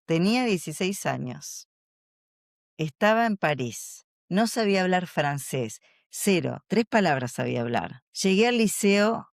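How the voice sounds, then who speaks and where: A woman, a communication coach answering interview questions in an animated, storytelling way. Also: deep voice, no echo, studio quality.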